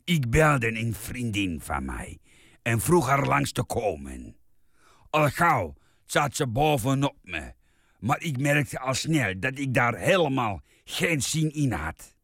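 A man playing a sick, grumpy, self-pitying man in a comic radio sketch, slow and sulky between coughs. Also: mid-range voice, very animated, gravelly, a bit bright, dry recording, studio quality, full character voice. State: coughing, worn out with flu.

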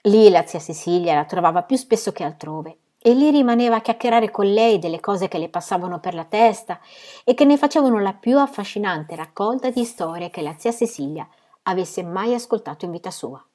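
A woman reading a novel aloud in steady, measured storytelling. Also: mid-range voice. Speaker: reader.

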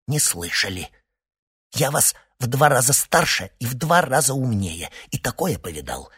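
A man voicing an old, sarcastic, jittery male psychiatrist in an audiobook, with a raspy voice and shrill, agitated whispering. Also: very animated, brisk, a bit bright, heavily acted. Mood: scornful. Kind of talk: audiobook character voice.

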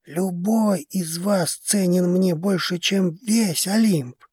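A man's voice: a little high, slow pace, husky, no room sound, clean studio sound, pitched above the performer's own voice. A man playing a stern old head of a noble house who speaks curtly and strictly. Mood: gentle. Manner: stern, curt.

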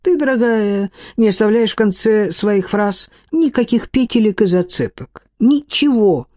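A woman's voice: mid-range voice, lively intonation, measured pace, warm tone, lightly acted. A woman reading an audiobook, voicing a verbose middle-aged male doctor with an ornate, lecturing manner. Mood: teasing.

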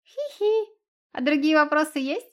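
A woman voicing a proud, giggly little male fox cub with a squeaky voice in an audiobook. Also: unhurried. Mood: cheeky.

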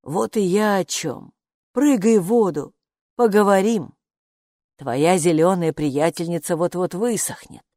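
A woman voicing a magical talking bathrobe, a calm male know-it-all who speaks in an unhurried, patronizing way in a storybook. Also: fairly low pitch, no echo, studio quality, lightly acted. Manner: unhurried, patronizing, calls her "friend".

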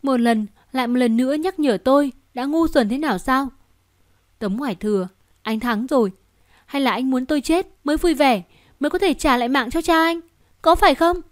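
A woman's voice: on the high side, normal speed, darkish tone, dry recording, studio quality, close to an everyday voice. A woman voicing a grieving young mother in an audio story, speaking with strong emotion. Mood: bitter. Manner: pleading, emotional.

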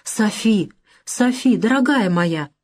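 A woman doing a gentle, soothing older man. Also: on the high side, sing-song, moderate pace, breathy edge, voice pushed up. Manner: soft, soothing.

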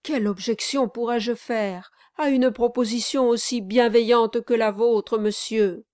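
A woman's voice: fairly high pitch, steady tone, a little slow, darkish tone, no echo, clean studio sound, natural voice. A woman voicing a humble, earnest young male servant in an audiobook, speaking politely and gratefully.

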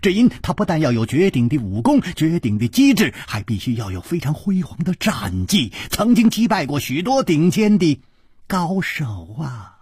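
A man voicing a scheming young nobleman in a storytelling reading, speaking softly and low, at times near a whisper. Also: sing-song, normal speed, no room sound, clean studio sound, full character voice. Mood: explaining. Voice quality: soft low breathy.

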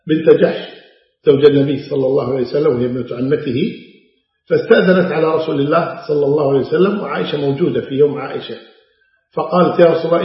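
A middle-aged man giving a religious lecture, retelling old narrations and explaining them in everyday asides. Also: a little high. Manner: narrates hadith then explains in colloquial Gulf Arabic asides. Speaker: Islamic scholar lecturing. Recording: very echoey dull lecture recording.

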